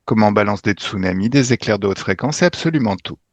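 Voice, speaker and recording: A man's voice: lowish voice, lively intonation, fast, dry recording, highs cut off. A man leading a hypnosis session, commanding and emphatic, with casual swearing. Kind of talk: guided regression session.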